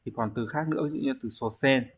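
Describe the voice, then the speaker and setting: A man's voice: mid-range voice, quick pace, slightly rough. A man, teaching a language exam review lesson, explaining step by step and answering his own questions.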